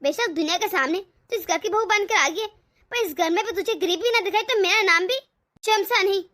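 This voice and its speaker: A woman's voice: very high voice, normal speed, sharp tone. A woman voicing a domineering, scheming middle-aged mother-in-law in a cartoon, scolding and sarcastic. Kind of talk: animated cartoon voice acting.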